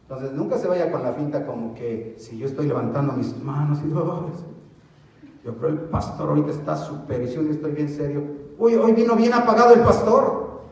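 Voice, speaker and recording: A man's voice: mid-range voice, fairly quick, mellow, recorded from a distance. A male pastor preaching a sermon, acting out little scenes and leading his congregation in call-and-response. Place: church sanctuary. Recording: echoey church hall, voice from afar.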